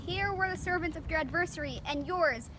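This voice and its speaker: A woman's voice: very high voice, fairly quick. A female-sounding performer playing an earnest young peacekeeper in an amateur Shakespeare parody. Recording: faint background noise.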